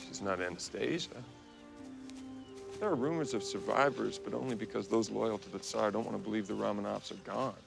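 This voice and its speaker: An actor playing a blunt, skeptical émigré dancer in a period TV drama. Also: male voice, lowish voice, brisk, gravelly, music in the background.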